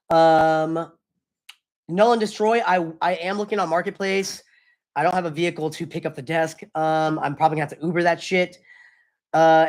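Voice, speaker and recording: A young man streamer chatting casually with his live chat, loose and slangy, often apologizing. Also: high voice.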